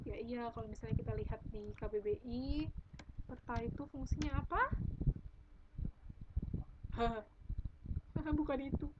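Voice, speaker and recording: A woman's voice: on the high side, steady tone, brisk. A young woman editing her own novel on a live stream, reading her draft aloud and chatting about it. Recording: dull lo-fi audio with loud background noise.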